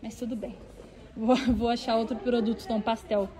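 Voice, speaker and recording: A woman's voice: fairly high pitch, normal speed, slight background noise. A woman with a Brazilian Portuguese accent chatting to viewers in a shopping vlog as she browses a stationery store. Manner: animated, talks to viewers while browsing.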